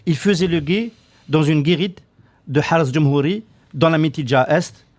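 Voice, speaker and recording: A man's voice: on the high side, normal speed, a little mellow, dry recording. A man from Algeria on a radio panel discussion, hesitant and full of repeated words and fillers.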